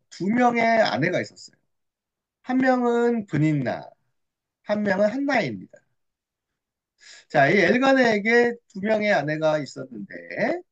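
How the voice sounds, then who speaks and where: Expressive husky woman preacher. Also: medium pitch, muffled recording. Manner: expressive, questioning, drawn-out reading. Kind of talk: children's sermon storytelling.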